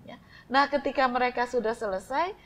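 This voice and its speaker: A woman giving a calm, unhurried storytelling devotional to a congregation. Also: fairly high pitch. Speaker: church devotional speaker.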